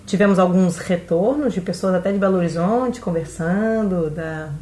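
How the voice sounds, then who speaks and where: A woman's voice: fairly low pitch, normal speed, warm tone, roomy sound. A Brazilian woman co-hosting a casual podcast, chatting and thinking aloud with frequent restarts. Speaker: podcast co-host.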